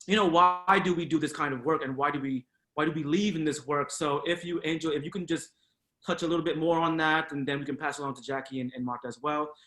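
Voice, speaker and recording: Male moderator, bright, slightly higher voice, encouraging and reflective. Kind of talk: moderating a roundtable.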